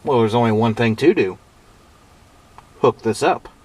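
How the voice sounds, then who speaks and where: In an unhurried, mid-range voice that's a little mellow, a man narrates a playful, theatrical hands-on demo like a story. He's a vlogger featuring vintage gadgets, and the recording was made inside a truck cab with clear background noise.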